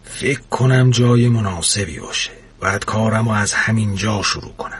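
A man voicing a curious, boastful young ghost who sets out to frighten people, in a slightly raised husky voice. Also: mid-range voice, a little mellow, natural voice. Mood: blustering. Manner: eager, boasting, quick to panic.

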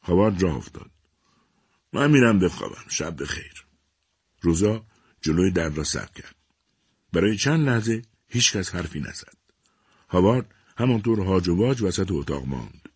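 A man narrating a story in a measured, expressive way. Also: low voice, slightly rough, no echo, clean studio sound.

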